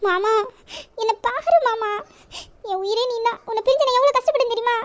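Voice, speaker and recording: A woman's voice: extremely high pitch, brisk. A woman voicing a young college girl in love in a romantic audio drama, pleading and coaxing her sweetheart. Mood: pleading, tearful.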